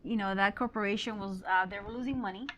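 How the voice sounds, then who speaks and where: A real estate agent in her forties, born in Honduras and raised in Miami, chats casually as an interview guest. She's warm, laughs often, and uses some fillers, speaking quickly at medium pitch with fairly even intonation. The recording is slightly dull and lo-fi, with a little hiss or hum.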